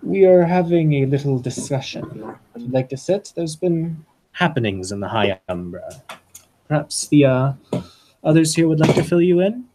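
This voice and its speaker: A man voicing a calm, stately Egyptian woman who speaks in a slow, measured, formal way. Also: on the high side, slight background noise, pitched above the performer's own voice, close to an everyday voice. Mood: inviting.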